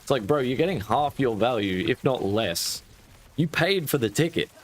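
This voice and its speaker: A man's voice: mid-range voice, moderate pace, slight background noise. A man ranting casually and profanely while streaming a game. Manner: profane, animated ranting with rising outbursts. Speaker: gaming streamer.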